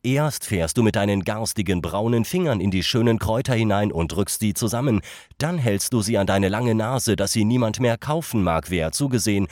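A man's voice: fairly low pitch, lively intonation, normal speed, a little mellow, dry recording, studio quality, natural voice. A man voicing a bold young boy in a storybook reading, scolding indignantly.

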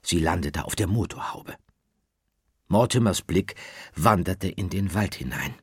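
Deep, husky man narrating a children's story. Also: no echo, clean studio sound. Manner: slow, expressive, with dramatic whispers.

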